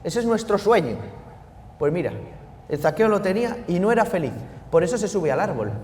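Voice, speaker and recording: A priest giving an animated sermon that swings between hushed and loud. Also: male voice, high-pitched, fairly quick, in a large hall, slight background noise.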